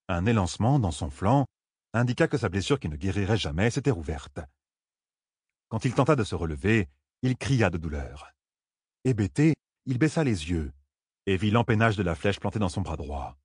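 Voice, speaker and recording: A man reading a fantasy audiobook aloud with measured, dramatic delivery. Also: fairly low pitch, a little mellow, slightly rough, dry recording, studio quality. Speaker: audiobook narrator.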